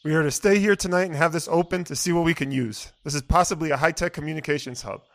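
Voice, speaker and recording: Woman doing a gruff male squad leader, curt orders, dry close sound. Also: low voice, quick pace, dry recording. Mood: commanding. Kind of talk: storybook character voice.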